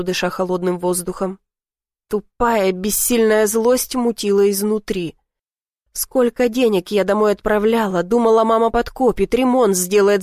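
A young woman reading an audiobook in an expressive, emotional way. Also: mid-range voice, no echo. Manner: emotional, vivid, flares into shouting in dialogue. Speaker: audiobook narrator. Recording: dry close studio sound.

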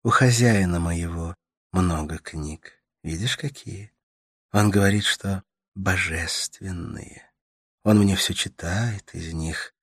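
A man voicing a gentle, caring young woman in an audiobook, in a soft, soothing, sing-song manner. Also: low-pitched, takes it slowly, husky, no echo, clean studio sound, heavily acted. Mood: wistful. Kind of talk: audiobook character voice.

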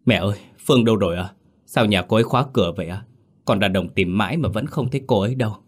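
A man's voice: low-pitched, moderate pace. A man doing a frantic heartbroken young man. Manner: pleading, rising to anguished shouts.

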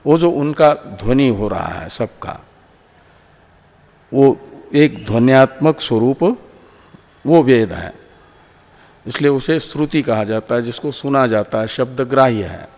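A man teaching philosophy in a slow, patient lecture, often repeating words and restarting phrases as he explains. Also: medium pitch, animated, gravelly, darkish tone. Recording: long hall reverb.

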